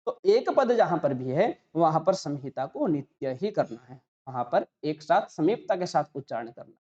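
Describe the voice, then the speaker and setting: A woman with a low, mellow voice teaches Sanskrit grammar in a steady explanatory lesson. She splits words into their single sounds and repeats each example slowly. The recording is a little dull and muffled.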